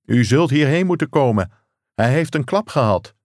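A man's voice: medium pitch, lively intonation, moderate pace, darkish tone, no echo, clean studio sound, voice pushed up, lightly acted. A man voicing an urgent caller on a distant phone line, speaking in clipped, raised phrases, in an audiobook reading. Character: adult male caller from a remote outpost.

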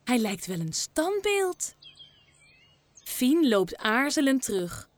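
Woman, children's story narrator, high lively voice, unhurried.

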